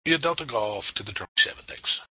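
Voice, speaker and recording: A male pilot gives brief radio calls in a raspy voice. He speaks quickly with a piercing edge. The transmission is dull. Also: mid-range voice, expressive, bright, forceful tone, no room sound. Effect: aviation radio transmission. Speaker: airline pilot. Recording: dull band-limited radio.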